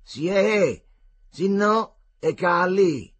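A man voicing a sullen, gruff young Roman slum boy with a grudging Roman accent. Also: mid-range voice, moderate pace, pitched above the performer's own voice.

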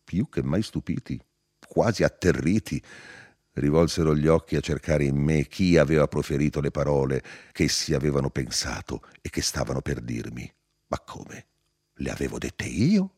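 Very deep husky male audiobook narrator. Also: moderate pace, no echo, clean studio sound. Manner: dramatic, expressive reading. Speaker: audiobook reader.

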